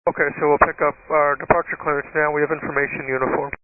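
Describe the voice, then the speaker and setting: Over muffled, staticky air traffic radio, a man with a slightly high, level voice talks fast as a pilot. He speaks in clipped readback phrases.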